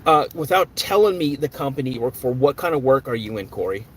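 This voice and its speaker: A man's voice: medium pitch, lively intonation, fast talker, slight background noise. A man hosting a live stream in a casual, chatty way, greeting viewers by name and answering their comments.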